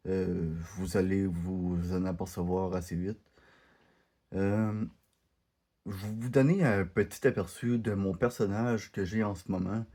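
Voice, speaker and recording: Speaking unhurriedly in a low, dark, steady voice, a Québécois-accented gaming video creator from Quebec, Canada, talks loosely over his gameplay. His speech is hesitant, packed with fillers and restarts.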